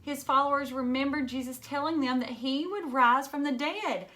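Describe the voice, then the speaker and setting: Reading a children's book in a high-pitched, somewhat bright voice, a woman keeps a moderate pace and sounds like a teacher. She breaks from the narration for simple explanations and friendly asides aimed at kids. A little hiss or hum runs underneath.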